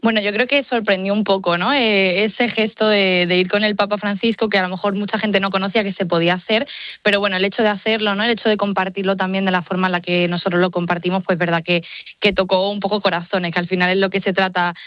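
Young woman, radio guest, quick, enthusiastic, dry, lo-fi sound. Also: medium pitch, steady tone, no echo. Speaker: digital missionary guest. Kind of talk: phone-in radio interview. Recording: slightly dull lo-fi line.

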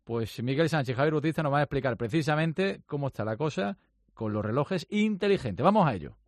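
A man's voice: a little high, expressive, fairly quick. A man hosting a sports radio show, chatting in a casual, emphatic way with frequent fillers.

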